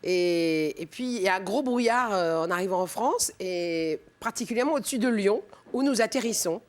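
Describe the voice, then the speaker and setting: A middle-aged woman, a talk-show guest, telling lively anecdotes and acting out the people in them. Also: medium pitch, moderate pace. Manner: animated storyteller acting out quotes. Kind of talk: casual talk-show chat. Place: TV studio with audience.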